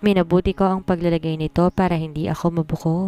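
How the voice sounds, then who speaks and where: A woman narrating a romance story in the first person with a steady, even reading. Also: lowish voice, quick pace, clean tone.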